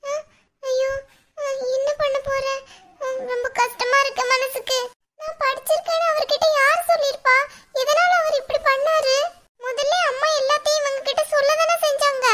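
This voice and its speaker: [name], a woman doing a squeaky anxious cartoon bride. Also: level tone, moderate pace, a bit bright. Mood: despairing. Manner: tearful, despairing, talks to herself. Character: young newly married village woman, anxious. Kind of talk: cartoon voice acting.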